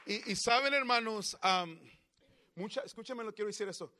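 A man preaching a sermon with passion, swinging from loud outbursts to low, quiet murmurs. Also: moderate pace, slight background noise.

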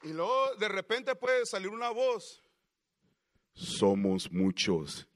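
A man preaching a sermon with passion, swinging from loud outbursts to low, quiet murmurs. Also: normal speed.

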